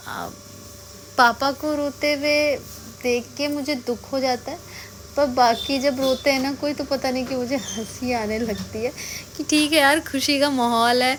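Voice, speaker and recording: Young woman, casual rambling vlog narration, slightly high pitch, faint background noise. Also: bright, forceful tone. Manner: chatty, rambling, mixes in English words. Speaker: vlogger.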